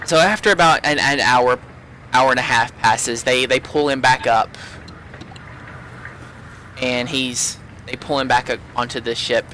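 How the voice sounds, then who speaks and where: Acting as game master in a tabletop pirate game, a man narrates with a sharp, medium-pitched voice. He's halting, often restarting and repeating words as he describes the scene, in a noisy home recording.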